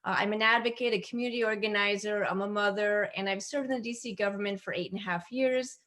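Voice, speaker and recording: A woman from Colombia, a candidate, giving a brisk and self-assured opening statement at a forum. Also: medium pitch, steady tone, fairly bright tone. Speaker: political candidate.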